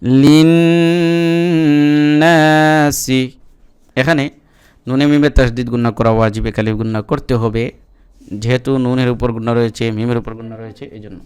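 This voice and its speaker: A man teaching Quran reading, chanting verses slowly and then explaining the rules in quick Bengali. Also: medium pitch, darkish tone, clear, resonant tone. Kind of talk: spelling-out lesson with recitation.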